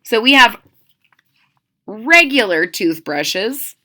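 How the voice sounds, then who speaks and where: Speaking slowly in a voice on the high side, this woman reads a storybook to children as a kindergarten teacher would. She fills the reading with lively explanatory remarks aimed at her young audience.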